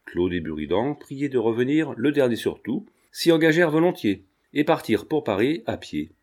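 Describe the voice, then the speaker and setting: A man narrating an audiobook with a measured, expressive reading. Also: medium pitch.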